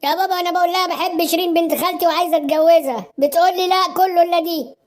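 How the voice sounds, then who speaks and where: A woman's voice: very high voice, fairly even intonation, very fast. A woman voicing a stubborn young man in a cartoon, pleading and insisting with an Egyptian Arabic accent. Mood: insistent.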